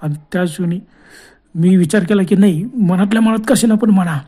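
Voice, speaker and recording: A man's voice: high voice, brisk, mellow. A man telling his own ghost encounter in the first person, earnest and vivid, repeating words for effect. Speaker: storyteller.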